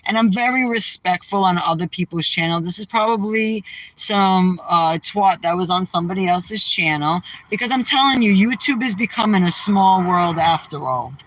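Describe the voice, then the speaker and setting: A woman's voice: mid-range voice, normal speed, fairly bright tone, poor audio. Brash, outspoken woman livestreamer. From Massachusetts. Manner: brash, outspoken, trash-talking. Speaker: livestream host. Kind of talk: casual live chat reading comments. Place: in a car.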